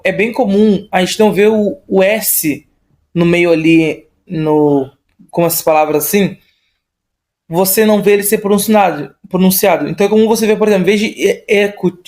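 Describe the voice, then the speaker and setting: A man's voice: high voice, a little mellow. A man with a Brazilian Portuguese accent teaching an online Spanish lesson in a casual, explanatory way, often checking in with tag questions.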